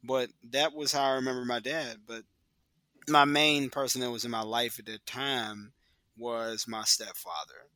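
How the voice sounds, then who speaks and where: Bright-voiced man, reflective interview guest. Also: mid-range voice, fairly even intonation, unhurried, dry recording. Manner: hesitant, trailing off with many fillers.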